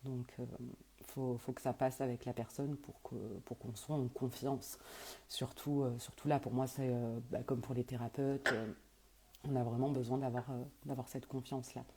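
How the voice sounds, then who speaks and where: Hesitant woman with a husky, mellow voice. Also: very deep voice, little pitch movement, moderate pace. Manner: hesitant, many fillers and restarts, laughs often. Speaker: medium answering viewers' questions. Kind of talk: casual live-stream Q&A.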